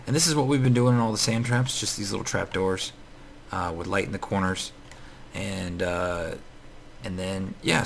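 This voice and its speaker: A man with a lowish, gravelly voice, scratchy from the morning, talks through his game in loose, rambling commentary. He keeps restarting sentences and filling gaps with "um" and "you know". Faint typing from his keyboard sits under his voice. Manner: rambling, many fillers and restarts. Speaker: Minecraft let's player. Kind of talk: casual gameplay commentary.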